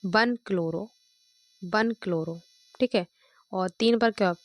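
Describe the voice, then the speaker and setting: A woman's voice: mid-range voice, takes it slowly, no room sound. Woman teacher, patient step-by-step explanation, counts aloud, dry close sound. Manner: counts out loud, checks with "thik hai" and "dekho". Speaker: chemistry teacher.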